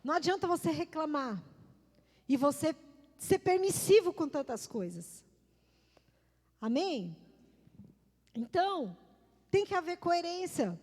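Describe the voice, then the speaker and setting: A woman's voice: high voice, big pitch swings, slow pace, long pauses, a little mellow. A middle-aged woman pastor, preaching emphatically, repeating key words and calling on the congregation. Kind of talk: sermon. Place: church. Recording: long reverb of a church hall.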